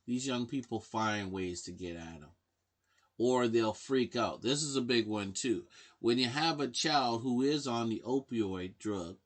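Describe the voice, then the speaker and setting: A man with a gravelly, fry-tinged voice at an ordinary pitch, talking straight to the camera like a counselor. He lectures parents with emphatic, preachy conviction. He leans hard on rhetorical questions. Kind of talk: direct-to-camera advice talk.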